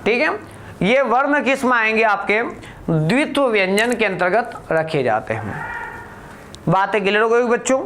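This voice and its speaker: A man teaching a grammar lesson for exam students in a slow, deliberate way, putting questions to the class and answering them himself. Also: high voice, sing-song, fairly bright tone, a little hiss or hum.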